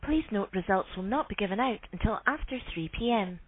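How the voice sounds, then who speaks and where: A woman's voice: mid-range voice, slight background noise. Recorded phone menu, woman, tinny line. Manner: measured, even and formal. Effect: recorded phone message. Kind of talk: scripted automated announcement.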